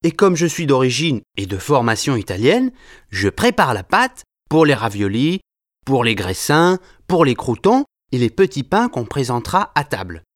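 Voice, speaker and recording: A man's voice: medium pitch, very animated, normal speed, no echo, clean studio sound, close to an everyday voice. A man playing an eager, touchy sous-chef of Italian background who insists on his rank, in a scripted textbook dialogue. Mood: insistent. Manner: insistent, self-important.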